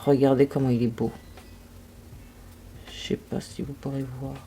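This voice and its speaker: A woman's voice: very deep voice, little pitch movement, normal speed, mellow, a little hiss or hum. A young woman vlogging makeup swatches, gushing and exclaiming over each shade in casual chat. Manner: gushing, exclamatory, marvelling aloud. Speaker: beauty vlogger.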